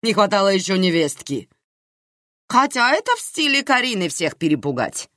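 Шумная, хлопотливая тётушка из аудиокниги, которую озвучивает женщина, говорит с размахом, голос скачет вверх-вниз. Запись сухая, без эха. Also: female voice, mid-range voice, big pitch swings, normal speed, fairly bright tone, no echo, clean studio sound, voice pushed up. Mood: effusive fussing. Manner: effusive, exclaiming, fussing.

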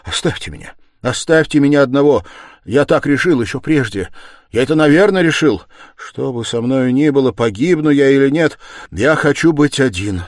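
A man's voice: mid-range voice, expressive, no room sound, clean studio sound, pitched above the performer's own voice, natural voice. A man voicing a brooding troubled young man. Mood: strained. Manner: halting, strained, insistent.

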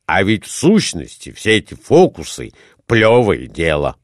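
A man's voice: deep voice, huge pitch swings, a little slow, dry recording, clean studio sound, heavily acted. A man doing a grumbling clumsy husband. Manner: grumbling, muttering.

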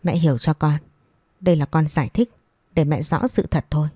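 A woman reading a story voices a patient young widowed daughter-in-law who pleads softly and respectfully. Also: deep voice, brisk, breathy edge, no room sound. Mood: firm.

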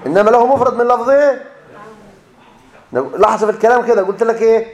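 In an echoey room, a man with an Egyptian Arabic accent lectures a grammar class, turning each rule into a fill-in question for students and then answering it himself. His voice is very high-pitched and he talks fast.

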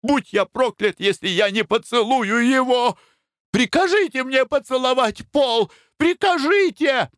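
A man's voice: extremely high pitch, a little slow, fairly bright tone, dry recording, studio quality, voice pushed up. A man voicing a besotted, tearful young suitor who stammers and pleads in an overwrought way. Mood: tearful, pleading.

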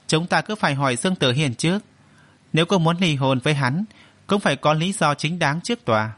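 A man voicing a calm, reasonable young woman in an audio story, speaking in a measured way. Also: fairly high pitch, no room sound.

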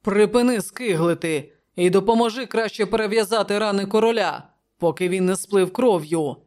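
A woman's voice: mid-range voice, moderate pace, a little mellow, voice pushed up, natural voice. A woman voicing a stern male commander of royal dragoons with a curt, scolding manner. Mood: angry.

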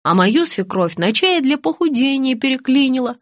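A woman's voice: high-pitched, very animated, normal speed, no room sound, clean studio sound. A woman doing an officious receptionist. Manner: officious, loud.

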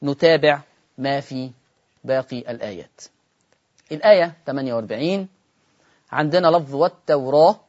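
In a televised religious lesson, an Egyptian man with an Egyptian Arabic accent teaches Quran recitation, posing rhetorical questions to his students and slowing way down to model each word. His voice is mid-range and darkish, and the audio sounds dull and a bit lo-fi.

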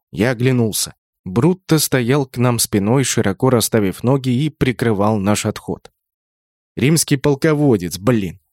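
A man giving brisk first-person narration of an audiobook. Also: medium pitch, a little mellow, dry recording, studio quality.

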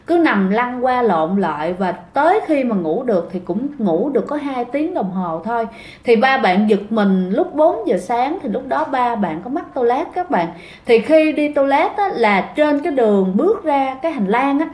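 A woman's voice: a little high, roomy sound. A woman narrating ghost stories in a chatty way, often speaking straight to her listeners. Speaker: storyteller host. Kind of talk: casual ghost story narration.

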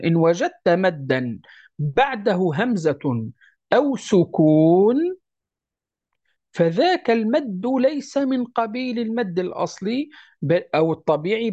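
Teacher, animated delivery, slow chanted verses, dull low-fi recording. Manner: repeats points and checks understanding. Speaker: Quran recitation teacher. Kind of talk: explaining a lesson.

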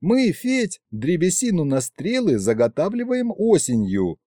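A man voicing a chatty young elf king who explains things in a lively, raised voice. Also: high-pitched, unhurried, dry recording, clean studio sound, voice pushed up, full character voice. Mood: explaining.

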